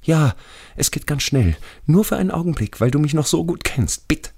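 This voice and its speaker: A man's voice: a little high, expressive, moderate pace, creaky, darkish tone, husky, voice pushed up, exaggerated voice. A man voicing the timid, anxious ghost of a young soldier who pleads and repeats himself. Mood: hushed. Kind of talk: audiobook character voice.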